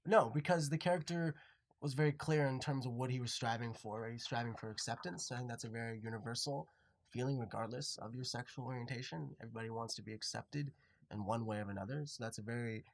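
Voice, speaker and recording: A man in his early twenties, an actor, answers questions in a live chat. He speaks in a thoughtful, steady way at a mid pitch. The sound is dry. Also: a little fast, no room sound. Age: 20s. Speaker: actor, guest.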